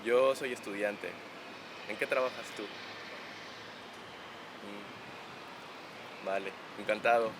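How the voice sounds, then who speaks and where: A man in his twenties with a Mexican Spanish accent, introducing himself briskly as a student. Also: fairly low pitch, fairly even intonation. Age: 20s. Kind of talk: scripted self-introduction for learners. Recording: street noise behind.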